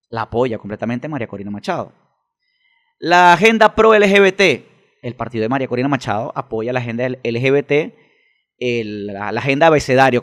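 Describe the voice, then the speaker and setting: A man's voice: medium pitch, fairly bright tone. A Venezuelan man with a Venezuelan accent, a guest in an interview who argues emphatically and fires off rhetorical questions. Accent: Venezuelan Spanish. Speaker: interview guest, political activist. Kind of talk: casual interview talk.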